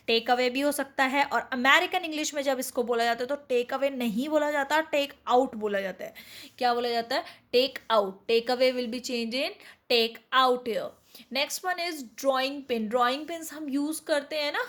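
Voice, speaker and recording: Brief: high-pitched female teacher, chatty lesson, quizzes viewers then answers herself. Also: a bit bright. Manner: addresses viewers as friends, asks and answers own questions. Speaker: English teacher.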